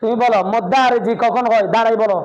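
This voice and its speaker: A male madrasa teacher drilling children in Quran recitation, sounding out syllables slowly and having the class repeat them aloud, sternly raising his voice on key sounds. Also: very high-pitched, fairly even intonation. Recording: dull recording, noisy chattering class.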